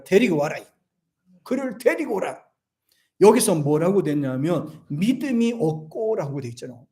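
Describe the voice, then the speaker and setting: Animated Korean man preaching a sermon. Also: fairly high pitch. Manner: animated preaching, rising emphatic repetitions; reads scripture slowly with congregation. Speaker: pastor.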